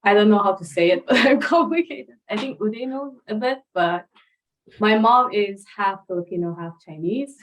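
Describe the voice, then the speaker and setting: A woman's voice: mid-range voice, expressive, normal speed, low-quality recording. A woman in her twenties from Iran, chatting casually as a podcast guest and laughing between phrases. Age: 20s.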